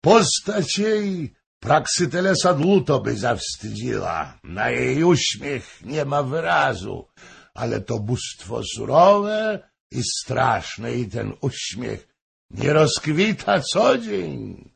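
A man voicing a drunk, boastful male courtier who gushes loudly. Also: mid-range voice, very animated, takes it slowly, vocal fry, husky, voice pushed up, heavily acted. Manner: exclaiming, gushing.

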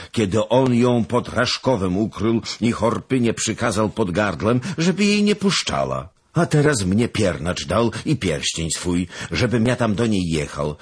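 A man voicing a chubby, excitable young male servant in an audiobook. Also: lowish voice, slightly rough, pitched above the performer's own voice. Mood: urgent. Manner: excited, exclaiming.

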